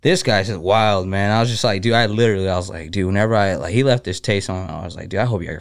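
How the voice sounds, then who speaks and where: A man's voice: on the low side, fast, gravelly. A man, a fighter, chatting casually on a podcast, swearing a lot, laughing often and acting out what people said in a raised voice. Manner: profane, laughs often, acts out quoted exchanges in a raised voice. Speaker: fighter guest.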